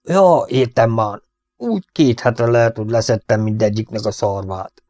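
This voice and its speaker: Rustic farmer, read by a man: slow, plain-spoken, dark low tone. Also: no room sound, lightly acted. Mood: glum, plain.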